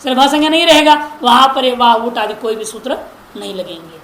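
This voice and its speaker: A man teaching Sanskrit grammar in a classroom lesson, chanting word forms slowly and correcting pronunciation with repeated examples. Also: extremely high pitch, lively intonation, fairly bright tone. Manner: recites word forms in slow drawn-out chants. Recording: echoey room with faint noise.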